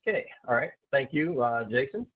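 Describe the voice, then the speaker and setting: A man giving a software webinar as a systems consultant, halting with many filler sounds, his voice heard through a recorded online meeting. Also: medium pitch, expressive, slightly rough, no echo. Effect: voice heard through a recorded online meeting's screen-share session. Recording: tinny, dry online-call audio.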